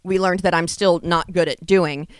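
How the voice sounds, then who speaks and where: A woman's voice: lowish voice, steady tone, moderate pace, clean tone, no room sound, clean studio sound. A woman co-hosting a comedy podcast, chatting casually in a playful, rambling way and often laughing. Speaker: podcast co-host.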